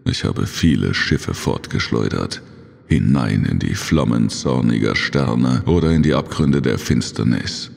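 Brief: man playing a menacing, boastful cosmic gatekeeper, very deep and gravelly. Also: lively intonation, unhurried, a little mellow, in a large hall, full character voice. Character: booming, boastful male space-gate spirit, menacing.

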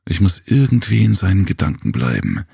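A man with a very deep, gravelly voice voicing a playful young female warrior in a storybook reading, speaking in a lilting, coy way. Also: huge pitch swings, fairly quick, warm tone, dry recording, clean studio sound, exaggerated voice. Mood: coy, teasing. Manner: lilting, coy, sing-song.

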